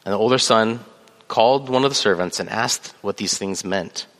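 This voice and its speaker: A man with a lowish voice preaches a sermon in a measured way, pausing on fillers and reading scripture aloud. His voice carries a long reverb, as in a church hall. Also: fairly bright tone. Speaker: pastor.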